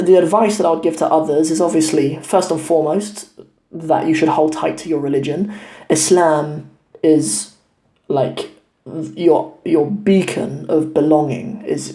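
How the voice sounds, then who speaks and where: A man's voice: on the high side, vocal fry, mellow, echoey room. A man in his twenties hosting a casual question-and-answer video, speaking hesitantly with many fillers and restarts into a lapel mic. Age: 20s. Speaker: YouTube channel host. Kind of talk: casual Q&A talk to camera. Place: his home in Cornwall.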